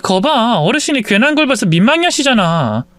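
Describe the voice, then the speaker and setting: A man's voice: very high-pitched, big pitch swings, brisk, fairly bright tone, dry recording, pitched above the performer's own voice, exaggerated voice. A man voicing a young woman in a story reading, a coy daughter-in-law speaking in a raised voice.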